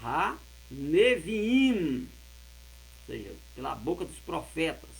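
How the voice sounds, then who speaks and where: A man teaching a lesson, explaining and repeating words slowly and carefully. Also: a little high, big pitch swings, creaky, rough recording. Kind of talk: explaining Hebrew words of a Bible verse.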